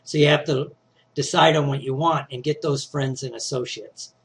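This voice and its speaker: In a casual lesson on success skills, a middle-aged man with a slightly scratchy, mid-range voice keeps his intonation fairly even and his pace moderate. He sprinkles in "right?" and "you know" often and clears his throat now and then.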